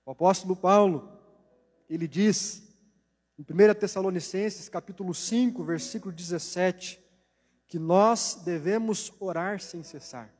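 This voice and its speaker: Slow, deliberate Brazilian preacher man. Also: high voice, slightly rough. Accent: Brazilian Portuguese. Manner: slow, deliberate preaching, phrases trailing down soft at the end. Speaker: pastor. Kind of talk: sermon. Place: church hall. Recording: long church hall reverb.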